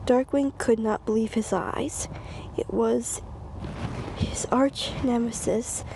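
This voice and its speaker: A woman's voice: fairly high pitch, slow, vocal fry, noisy background. A woman reading a children's storybook aloud, stumbling and repeating phrases, with casual asides. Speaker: reader.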